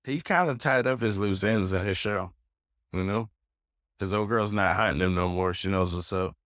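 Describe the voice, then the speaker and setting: A man's voice: deep voice, normal speed, a bit bright, dry recording, studio quality. A man co-hosting a podcast in casual chat, laid-back and rambling, laughing often. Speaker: podcast co-host.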